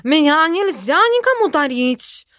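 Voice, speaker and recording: A woman voicing a fussy, suspicious male talking cat in an audiobook, with excitable, theatrical outbursts. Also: high-pitched, unhurried, no echo, clean studio sound, pitched above the performer's own voice. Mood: indignant. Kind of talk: audiobook character voice.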